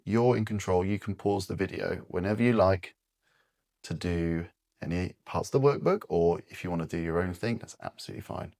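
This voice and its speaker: A man guiding aphasia word-finding exercises as a speech therapist, speaking patiently and encouragingly with pauses. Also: low voice, creaky, a little mellow, no echo, studio quality.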